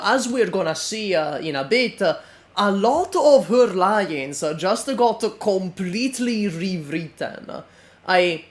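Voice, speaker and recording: A man giving unscripted reaction commentary in a halting, deadpan manner. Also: sits high.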